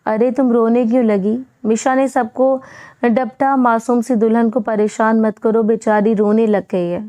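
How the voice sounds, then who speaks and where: A woman's voice: a little high, little pitch movement, warm tone, dry recording, close to an everyday voice. A woman reading the lines of a playful young female cousin who teases the bride. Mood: teasing. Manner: teasing.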